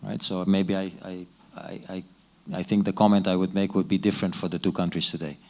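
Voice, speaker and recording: Measured low-voiced man from Sudan. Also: flat delivery, darkish tone. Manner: measured, with frequent restarts and hesitations. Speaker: business executive, keynote guest. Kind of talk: fireside chat Q&A answers.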